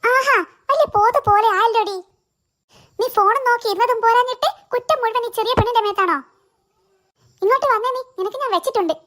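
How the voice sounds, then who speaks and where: A woman's voice: brisk, pauses often, a bit bright. A woman voicing a strict mother scolding her daughters in a cartoon. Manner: scolding, shrill.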